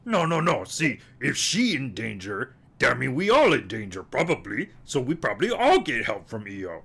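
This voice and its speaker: A man's voice: mid-range voice, huge pitch swings, moderate pace, gravelly, fairly bright tone, slightly rough, exaggerated voice. A man voicing a blunt male warrior who speaks in clipped, broken English.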